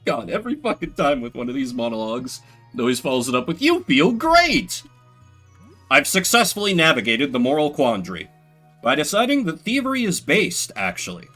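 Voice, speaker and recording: A game streamer commentates solo while playing, his bright, forward voice swinging wildly in pitch at a brisk clip. He reads on-screen text aloud with theatrical flair and wanders into sardonic, rambling asides over faint background music.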